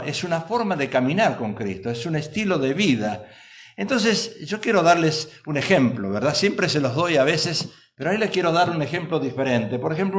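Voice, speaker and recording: A male pastor preaching a sermon in a church, emphatic and full of rhetorical questions to the congregation. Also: on the high side.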